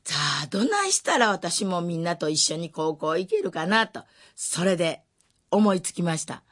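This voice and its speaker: Older woman with a Kansai accent, lowish voice. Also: sing-song. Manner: gentle, unhurried, with wry asides. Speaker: storyteller. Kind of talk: spoken personal memoir.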